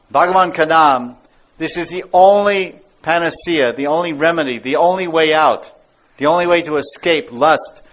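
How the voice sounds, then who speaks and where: An American spiritual teacher delivers a devotional lecture, speaking emphatically and repeating key words for stress. His voice is fairly high and fairly bright. The lecture recording is dull and lo-fi.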